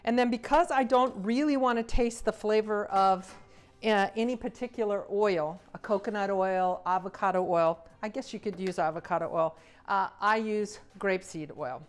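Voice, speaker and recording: A middle-aged woman, an executive chef, demonstrating sauces in a large home kitchen, talking in a relaxed, enthusiastic way with some fillers. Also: medium pitch, moderate pace. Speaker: cruise line executive chef. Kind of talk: cooking demonstration.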